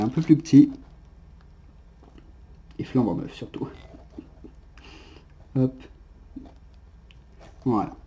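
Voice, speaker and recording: A man with a very dark, mellow voice talks casually through an unboxing at home. He is unhurried and chatty, filling gaps with short interjections and hesitant restarts. Faint noise sits under his voice. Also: mid-range voice. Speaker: unboxing presenter.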